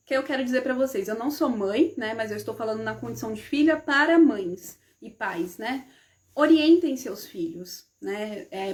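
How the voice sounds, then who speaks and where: A woman with a slightly high voice, talking casually on a live stream about her own life. She keeps checking in with her listeners and slips into the voices of the people in her stories. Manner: chatty, often adds "né?" and addresses the audience as "gente"; acts out the dialogue in her stories. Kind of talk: casual personal storytelling.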